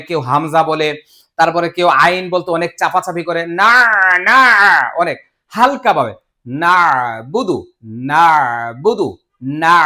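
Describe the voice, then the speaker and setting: A man teaching Quran pronunciation step by step, patiently drilling each syllable again and again with drawn-out sounds. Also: high-pitched, bright, forceful tone. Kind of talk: slow step-by-step pronunciation lesson.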